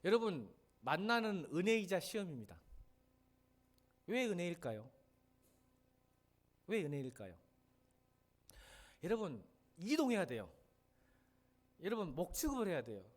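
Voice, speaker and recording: A middle-aged male senior pastor preaching a sermon in a church sanctuary, emphatic and animated, often acting out the lines he quotes. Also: high-pitched, measured pace, pauses often.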